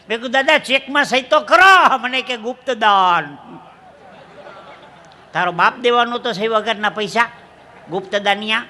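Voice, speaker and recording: A man's voice: high-pitched, bright, forceful tone. A man from Dwarka tells jokes on stage into a handheld mic and laughs at his own punchlines. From Dwarka, Gujarat, India. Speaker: stand-up comedian. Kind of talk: stage comedy storytelling at a folk gathering. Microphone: handheld stage microphone.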